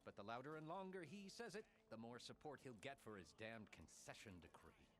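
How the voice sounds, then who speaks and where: A man's voice: mid-range voice, animated, brisk, close to an everyday voice. An actor playing a harried male official in a studio game, exasperated and earnest.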